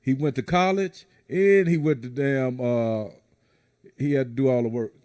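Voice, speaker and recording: A middle-aged man hosting a podcast, telling profane, animated stories in casual banter. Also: medium pitch, normal speed. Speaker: podcast host.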